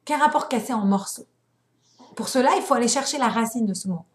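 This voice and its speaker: A young adult woman teaching a spiritual lesson, telling stories in an animated way and acting out the voices. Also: fairly high pitch, a little fast. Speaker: religious teacher. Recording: roomy echo.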